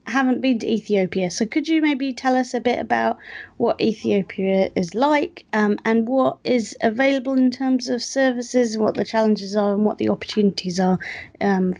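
A woman hosting a podcast interview, asking her questions gently with hesitant pauses. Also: fairly high pitch. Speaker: podcast host.

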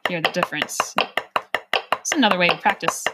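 A woman's voice: on the low side, fairly quick, very noisy. Woman counting off a drum lesson. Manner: calm, counting off beats and explaining. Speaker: drum teacher. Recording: loud drumming and clicks behind the voice.

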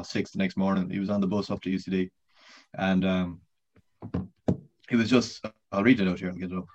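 A man's voice: low voice, slight background noise. A man speaks as a podcast guest in casual chat, telling a rambling story with swearing and frequent laughter. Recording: dull lo-fi podcast audio.

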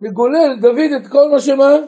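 A man with a very high but mellow voice teaches a Torah lesson as a rabbi, posing questions to his listeners and answering them himself. He keeps pressing his points and sometimes breaks into emphatic, raised outbursts. The recording sounds dull and lo-fi. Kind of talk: Torah lesson to a live group.

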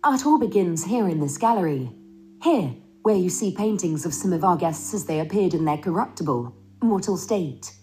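A woman voicing the ghostly host of a haunted mansion in scripted narration, slow and theatrical, with mock-courteous menace. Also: on the low side, lively intonation, dark tone, a little hiss or hum, close to an everyday voice.

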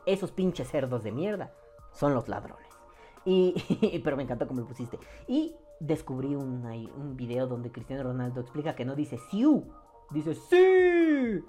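A man with a Mexican accent hosting a podcast, reading viewer comments in casual, profane chat and jumping into high mock voices. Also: moderate pace, faint music behind. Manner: animated, swings into high mock voices, swears freely.

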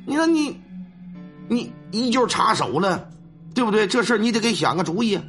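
A nervous middle-aged hospital director, as a storyteller puts him on, rushing his words and begging for help. The voice stays close to the storyteller's own bright tone, just a touch higher and quicker. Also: very animated, faint music behind, exaggerated voice. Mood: pleading. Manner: pleading, hurried.

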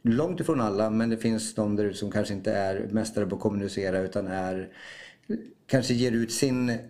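A man's voice: fairly low pitch, warm tone. A man hosting a podcast, asking his guest questions in a conversational way. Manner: inquisitive, poses questions to the guest. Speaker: podcast host.

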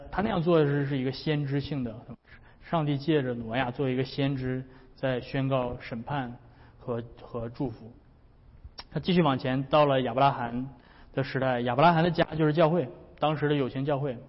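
A man's voice: medium pitch, fairly even intonation, normal speed. A man preaching a sermon as a pastor, in a chatty, humorous way that often breaks into laughter. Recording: dull recording with long hall reverb.

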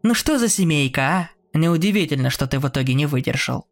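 A man's voice: on the high side, lively intonation, a little fast. A man voicing a cold, taunting adult brother who mocks his sibling in a horror story reading. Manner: mocking and sneering.

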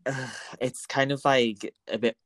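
A man's voice: medium pitch, steady tone, unhurried, no room sound. A man from the north of England with a Northern English accent, chatting sarcastically as a podcast guest and laughing often. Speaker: guest co-host. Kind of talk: casual chat.

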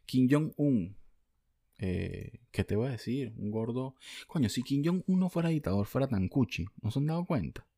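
A man's voice: mid-range voice, vocal fry, mellow, breathy edge, dry recording, clean studio sound. A young Venezuelan man ranting bluntly and profanely in a casual vlog, answering viewer comments. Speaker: vlogger.

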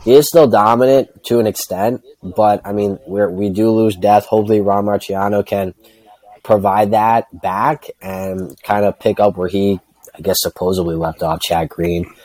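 A man's voice: fairly low pitch, fairly even intonation, normal speed, darkish tone, no room sound, poor audio. A man giving casual sports analysis as a podcast panelist, peppering his talk with conversational filler phrases. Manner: hedging, repeatedly says like and you know. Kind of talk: casual baseball analysis chat.

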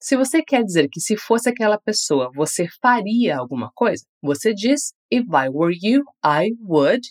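A woman with a Brazilian Portuguese accent teaching an English lesson, saying model phrases slowly for learners to repeat and praising them after each drill. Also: medium pitch, darkish tone.

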